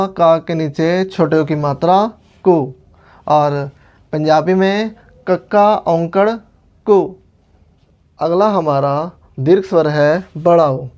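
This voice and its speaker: A man's voice: a little high, darkish tone. A man teaching a language writing lesson step by step, explaining each sign patiently as he draws it. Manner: patient, methodical, explains while drawing.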